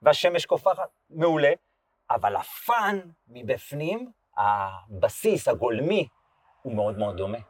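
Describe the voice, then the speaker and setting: A hoarse man explaining things thoughtfully in a casual chat. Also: medium pitch, sing-song, dry recording, distant mic.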